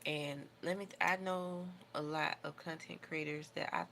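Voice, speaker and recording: An American woman hosts a casual livestream while doing her makeup, speaking a little slowly in a fairly low, slightly bright voice with plenty of fry and fairly even intonation. She rambles informally from thought to thought, giving opinions freely, with noticeable background noise.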